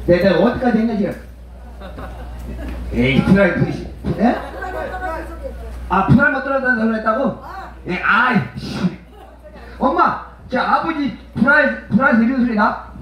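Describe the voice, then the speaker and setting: A man performing as a pumba street entertainer, joking bawdily and teasing the audience at an outdoor festival. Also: extremely high pitch. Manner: teasing, brash, calls listeners mother and father. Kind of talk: bawdy comic banter with the crowd. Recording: heavy echo, voice from far off.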